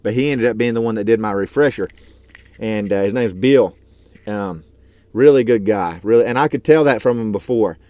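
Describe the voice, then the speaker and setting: His voice on the low side and darkish, a man in his thirties speaks at normal speed to his vlog from inside his truck. He's a truck driver and YouTuber, earnest and rambling, with many fillers, captured in a dry recording.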